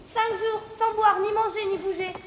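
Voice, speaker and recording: A young woman acts a frightened captive girl in a tragic stage chorus. Her very high voice declaims in distress. It echoes across a hall with faint noise. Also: fairly even intonation, normal speed. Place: large theater stage.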